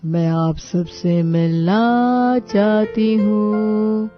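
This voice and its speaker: A woman voicing an eerie female witch spirit for an animated storybook, calling out in slow, drawn-out words. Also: mid-range voice. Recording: dull lo-fi audio with music.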